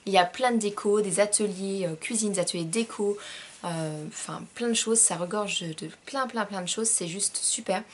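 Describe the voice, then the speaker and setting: A young woman chats through a shopping haul in a bubbly, gushing way, full of small hesitations. Her pitch sits in a middle range for a woman. Faint background noise and the crinkle of paper sit under her voice. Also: moderate pace. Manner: bubbly, gushing, many fillers. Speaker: vlogger.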